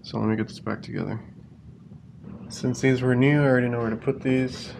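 A man's voice: mid-range voice, fairly quick, gravelly, noisy background. A man working as a refrigeration technician, casually explaining each step as he fixes a walk-in cooler, recorded on a head-mounted camera. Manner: relaxed, plain-spoken, explains as he works. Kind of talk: casual on-the-job narration. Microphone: head-mounted action camera.

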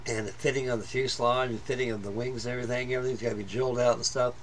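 Rapid-fire yet steady in tone, this medium-pitched voice belongs to a middle-aged man rambling about a model build at his home hobby-room workbench. He's plain-spoken and casual, full of fillers and restarts, and a little hiss or hum runs underneath.

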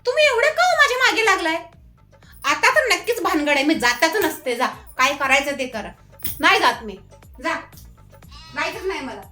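A woman's voice: very high voice, big pitch swings, moderate pace, long pauses, sharp tone, reverberant, faint music behind. A woman playing a suspicious, stubborn wife in a comic skit. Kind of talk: comic sketch acting.

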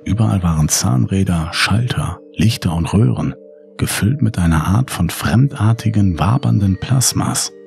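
Very deep, gravelly, husky male narrator. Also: expressive, moderate pace, darkish tone, soft background music. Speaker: horror story narrator. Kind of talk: scripted horror audiobook narration.

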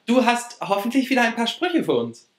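A man's voice: very high-pitched, huge pitch swings, fairly quick, roomy sound. A middle-aged man hosting a late-night talk show in an effusive, showman-like manner. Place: indoor studio set.

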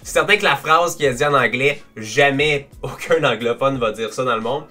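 Bright-voiced Québécois man reacting. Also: mid-range voice, normal speed, soft background music. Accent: Québécois French. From Quebec. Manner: chatty, laughs often, explains language quirks. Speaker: reaction video host. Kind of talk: casual reaction commentary.

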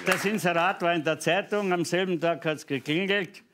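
A man's voice: high-pitched, moderate pace, over a noisy crowd, heavy background noise. An Austrian man in his seventies or older, telling anecdotes casually as a talk show guest. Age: 70s or older. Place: TV studio with seated audience.

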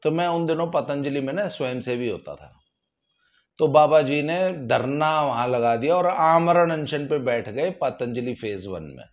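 A man giving casual spoken commentary, folksy and sarcastic, getting loud when he stresses a point. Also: a little high, expressive, unhurried, muffled recording. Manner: folksy, sarcastic, rises loudly for emphasis. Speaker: political commentator.

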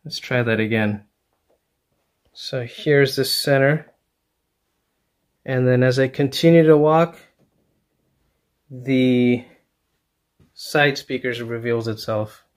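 In a dark indoor basement, a middle-aged man who vlogs about his home theater hobby gives an enthusiastic, laid-back walkthrough recorded on a handheld camera, with many fillers and restarts. His pitch is medium, and he takes it slowly, pausing often.

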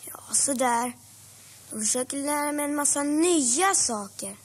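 An actor voicing an earnest young jungle boy in a dubbed audio drama, explaining things in a breathy voice. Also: very high-pitched.

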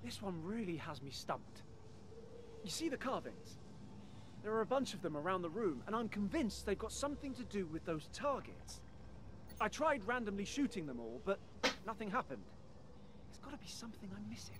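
A man's voice: high voice, big pitch swings, normal speed, noisy background. An actor playing a puzzled young male video game hero who muses aloud over a riddle. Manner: puzzled, musing.

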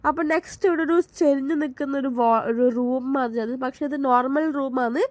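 A woman's voice: high voice, fairly quick, dry recording. A Malayali woman from Kerala narrating her family outing in a chatty, enthusiastic voice-over, with frequent restarts. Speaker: family vlogger.

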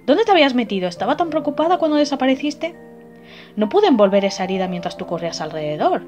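A young girl who adores her father, voiced as game dialogue is read aloud by a woman. The delivery is gentle and worried, with a bright, higher pitch and a lively, sing-song melody. Quiet game music plays underneath. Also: fast talker, muffled recording. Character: sweet little girl devoted to her father.

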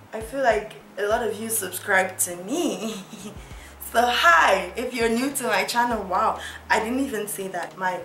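A woman's voice: on the high side, fairly bright tone, slight background noise. A young woman from Nigeria, chatting and giggling through a makeup tutorial vlog, teasing herself as she goes. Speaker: beauty vlogger. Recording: roomy echo, faint music.

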